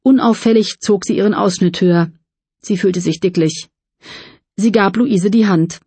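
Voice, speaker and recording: A woman narrates a novel in calm, even storytelling. Her voice is slightly breathy and husky, and the recording is close and dry with no room sound. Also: medium pitch, normal speed, no echo. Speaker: audiobook narrator. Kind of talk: scripted narration.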